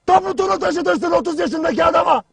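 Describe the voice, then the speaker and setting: An actor playing a stern special forces commander who lectures his soldiers harshly and breaks into shouts. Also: very high-pitched, fairly quick, vocal fry. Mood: scornful. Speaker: military commander. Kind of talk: TV drama acting.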